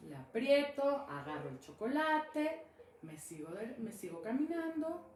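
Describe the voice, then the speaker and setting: A woman's voice: medium pitch, a little mellow. A woman telling a personal story casually on a live stream, acting out the dialogue as she goes. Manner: chatty, acts out dialogue in the story. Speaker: speaker sharing a personal experience. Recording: echoey room with music behind.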